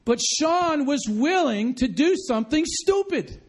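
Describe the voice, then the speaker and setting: High-voiced man preaching with animated asides. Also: slight background noise. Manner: animated, chatty, quick asides and self-corrections. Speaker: pastor. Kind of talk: sermon with storytelling. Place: church room with congregation.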